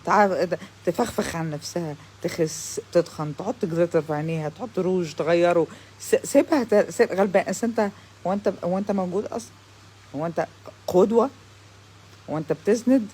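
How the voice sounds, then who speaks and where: A woman's voice: lowish voice, a little mellow, husky. A young woman with an Egyptian Arabic accent delivering a sarcastic, heated rant to the camera, slipping into English phrases now and then. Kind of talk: ranting monologue to camera.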